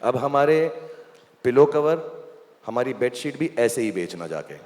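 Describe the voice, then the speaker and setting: A man's voice: medium pitch, sing-song, measured pace, darkish tone. A man hosting a live stage event, joking with and coaxing guests in playful banter. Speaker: stage host. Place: event stage in a large hall. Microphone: handheld microphone. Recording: long hall reverb, faint noise.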